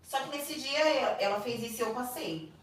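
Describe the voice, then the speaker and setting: A woman with a Brazilian Portuguese accent tells a personal story as a podcast guest, animated and acting out other people's lines. She sits back from the microphone in a very echoey room, with a faint hiss underneath. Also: a little high, brisk. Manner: animated, acts out the voices of people in her story. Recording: echoey room, distant mic, faint noise.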